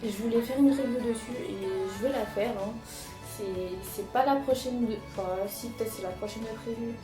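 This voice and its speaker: A young woman vlogger with a slightly high voice speaks fairly quickly while casually showing off her new manga. Her talk is hesitant, peppered with fillers and restarts, and the echoey room has music going behind her.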